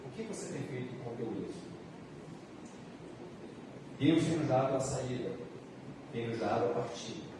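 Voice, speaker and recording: A man with a Brazilian accent preaching a church sermon as a pastor, repeating phrases with drawn-out emphasis. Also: medium pitch, animated. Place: large reverberant church room. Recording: echoey hall, distant mic, noisy.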